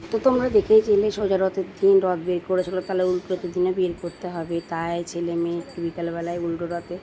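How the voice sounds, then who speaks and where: A woman with a hoarse voice chatting directly to her viewers in a casual home vlog, filmed on a handheld phone. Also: lowish voice, little pitch movement, fast, dark tone, a little hiss or hum. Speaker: vlogger. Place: at home, indoors and on a balcony.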